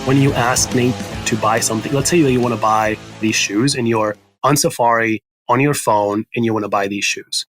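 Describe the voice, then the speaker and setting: A man from Spain, a startup founder guest, explaining his product in a brisk conversational podcast interview. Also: mid-range voice, steady tone, a bit bright, soft background music.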